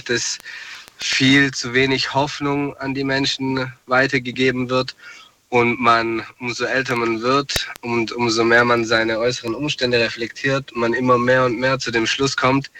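A man's voice: medium pitch, sharp tone. A man from southwest Germany calling in to a radio show over the phone, thoughtful and hesitant. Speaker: caller. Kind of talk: call-in radio chat. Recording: distant phone line with hiss.

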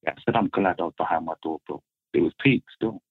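A man's voice: sits low, quick pace, husky. A young man with a London roadman accent, telling stories casually in street slang and repeating himself for emphasis. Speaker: guest phoning in. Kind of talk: casual chat, storytelling. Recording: muffled, tinny phone line.

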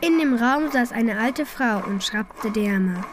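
A woman reading a children's story aloud in a lively storytelling manner. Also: on the high side, slow. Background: loud music.

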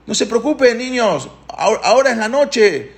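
A man voicing a panicked Egyptian king who runs through the streets shouting and pleading. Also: extremely high pitch, sing-song, moderate pace, vocal fry, voice pushed up, exaggerated voice.

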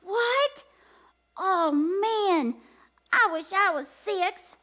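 A woman's voice: extremely high pitch, lively intonation, drawn-out words, pushed and bright, exaggerated voice. A woman voicing a chatty, awestruck five-year-old girl in a live comedy radio play. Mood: eager. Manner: eager, wide-eyed kid talk.

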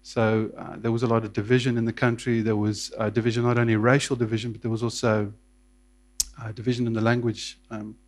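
A South African man in his thirties, an interview guest, tells a church his life story in a casual, hesitant way full of fillers. His lowish voice has little pitch movement and runs a little fast.

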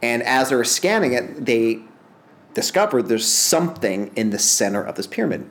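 A man telling a strange story in casual chat, rambling and animated, laughing often and acting out quotes in raised voices. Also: medium pitch, moderate pace.

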